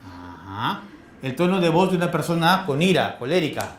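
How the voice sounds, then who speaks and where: A man with a Peruvian accent giving a classroom lecture, firing quick questions at his students in a colloquial way. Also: a little high, sing-song, slight background noise. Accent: Peruvian Spanish. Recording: echoey classroom.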